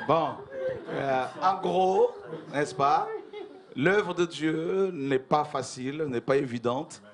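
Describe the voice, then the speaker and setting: Brisk man hosting a church gathering. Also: on the high side. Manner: affirming interjections, quick explanations. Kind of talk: church testimony program.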